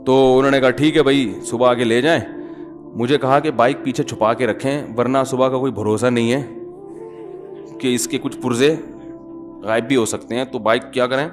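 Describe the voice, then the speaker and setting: A man's voice: medium pitch, steady tone, over music. A middle-aged man, a preacher telling humorous anecdotes to his listeners in a chatty religious talk. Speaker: Islamic scholar and preacher.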